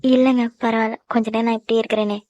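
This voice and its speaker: A woman's voice: a little high, flat delivery, rapid-fire, a little mellow, no room sound, lightly acted. A woman voicing a young college girl in love in a cartoon, pleading and teary with her sweetheart. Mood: shy affectionate. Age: young adult. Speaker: voice actor. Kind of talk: cartoon love-story dialogue. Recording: dull lo-fi dry recording.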